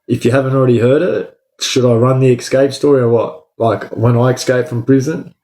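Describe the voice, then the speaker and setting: A man's voice: medium pitch, fairly even intonation, fairly quick, mellow. Echoey Aussie man talking eshay street slang. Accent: Australian. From Australia. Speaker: livestream storyteller. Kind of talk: casual livestream chat and yarn. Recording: echoey room.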